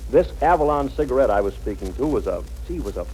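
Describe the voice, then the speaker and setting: A man's voice: medium pitch, animated, quick pace, warm tone, husky. An actor playing an earnest, gullible, dreamy young man in a 1930s radio comedy skit, hesitant, stammering and gushing. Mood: eager, dreamy. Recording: noisy vintage 1930s radio broadcast.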